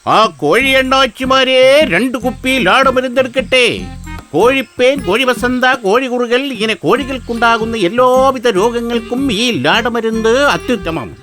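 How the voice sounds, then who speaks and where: A man's voice: very high-pitched, normal speed, sharp tone, faint music behind. A man voicing a sly fox in a kids' cartoon who schemes to catch hens and poses as a quack healer, with a sing-song hawker's patter. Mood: hawking. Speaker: villain.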